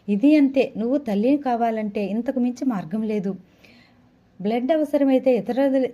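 A woman voicing a calm persuasive woman doctor. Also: on the high side, lightly acted. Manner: patient, reassuring explanation.

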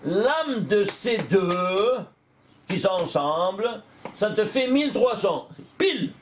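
Older male rabbi, fairly high voice, lively lecturing, keeps quizzing the room. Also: slow pace, a little hiss or hum. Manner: excited exclamations, rhetorical questions to the audience. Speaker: rabbi teaching Torah and Kabbalah. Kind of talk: animated Torah lesson with gematria.

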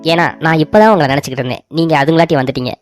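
A woman's voice: low voice, animated, racing, over music. A woman voicing a bossy, melodramatic older brother in a cartoon story, talking in a scolding, blustering way. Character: bossy, self-pitying elder brother, grown man.

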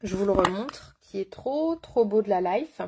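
A woman's voice: mid-range voice, lively intonation, moderate pace, background noise. A woman makeup artist giving a live makeup tutorial, chatty and slangy, greeting her viewers with pet names. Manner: slangy, enthusiastic.

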